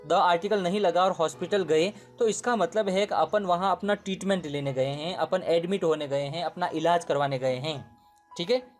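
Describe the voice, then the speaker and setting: A man's voice: high voice, normal speed, soft background music. A man teaching English grammar in a casual spoken lesson, who repeats points, checks in with his listeners and corrects himself mid-sentence.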